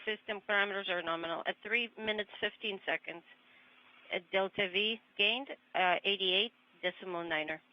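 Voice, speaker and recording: A woman's voice: mid-range voice, normal speed. A woman at mission control reading out clipped procedural callouts with hesitant fillers, heard over a crackly space-to-ground radio loop. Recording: muffled lo-fi radio with faint hiss.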